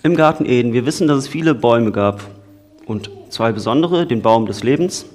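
A man from the Cologne area, giving an informal sermon in a conversational way, moving between lively storytelling and quiet earnestness. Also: mid-range voice, fairly quick. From Cologne area, Germany. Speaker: preacher.

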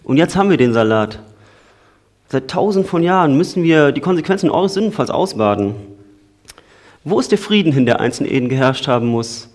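A man from the Cologne area, giving an informal sermon in a conversational way, moving between lively storytelling and quiet earnestness. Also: fairly high pitch, a little fast. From Cologne area, Germany. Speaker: preacher.

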